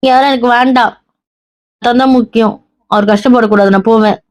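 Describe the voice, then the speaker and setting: A woman's voice: on the high side, fairly even intonation, brisk, a little mellow. A woman playing a grown daughter who keeps insisting and pleading to be let go to work, in a family skit. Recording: dull lo-fi sound.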